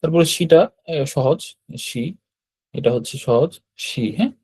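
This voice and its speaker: A man teaching an online lesson on writing characters step by step. He talks patiently, repeats each stroke, and often checks in with a quick "yes". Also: a little high, mellow, breathy edge. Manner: patient, repeats steps, frequent "hyaan" checks. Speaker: Japanese language teacher. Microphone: computer mic while drawing with a mouse.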